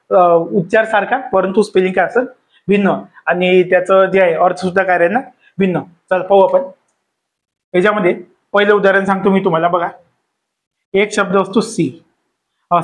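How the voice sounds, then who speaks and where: High-voiced man teaching grammar, quizzing. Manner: repetitive, quizzing with rhetorical questions. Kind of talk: classroom lesson explaining at a board.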